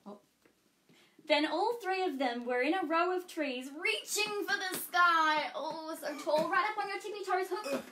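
A woman playing Tinkerbell, a bubbly, excitable fairy leading a children's story time and movement session. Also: extremely high pitch, measured pace, echoey room, a little hiss or hum, exaggerated voice. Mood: cheerful. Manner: bubbly, exclaiming, sing-song. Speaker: children's party entertainer.

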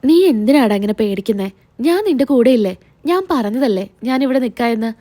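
Woman playing a protective young man, calm, gentle and reassuring, retold serial. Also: a little high, normal speed. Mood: comforting.

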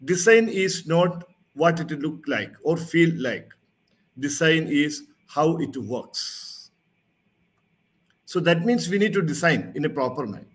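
A man giving a formal keynote talk over a video call, reading through his slides in a measured presenter tone. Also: a little high, expressive. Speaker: keynote speaker. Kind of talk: prepared conference keynote. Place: home or office, seen on video call. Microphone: video call webcam mic.

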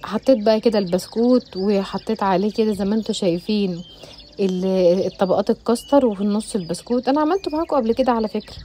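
A middle-aged woman with an Egyptian accent, chatting rapidly and directly to her viewers as a home cooking vlogger. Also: mid-range voice, mellow, slight background noise. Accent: Egyptian Arabic. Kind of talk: casual chatty storytelling to viewers.

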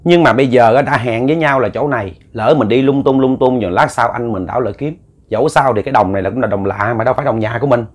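A man with a Southern Vietnamese accent tells a ghost story in a loose, conversational way. He rambles and stumbles over repeated words, and his voice sits at an ordinary middle pitch. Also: fast talker. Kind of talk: spoken ghost story narration.

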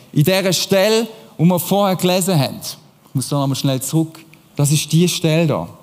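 Swiss German preacher in a reverberant hall. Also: male voice, high voice. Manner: chatty, explains with rhetorical questions. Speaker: youth church preacher. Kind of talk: casual sermon. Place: church hall.

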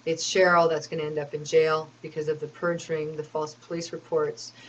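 Woman, lowish voice, aggrieved rambling account, lots of ums and restarts. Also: little pitch movement, brisk, slight background noise, poor audio. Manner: aggrieved, talks in long run-on complaints with many fillers. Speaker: personal storyteller.

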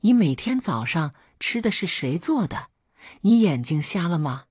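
A woman's voice: on the low side, big pitch swings, measured pace, a little mellow, breathy edge, no room sound, clean studio sound, heavily acted. A woman reading as a weary older mother. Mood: bitter. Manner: plain-spoken, tired and resentful.

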